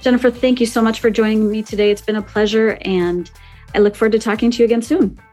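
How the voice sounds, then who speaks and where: A woman's voice: fairly high pitch, steady tone, fast talker, darkish tone, soft background music. A woman hosting a podcast interview in a conversational style. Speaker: podcast host.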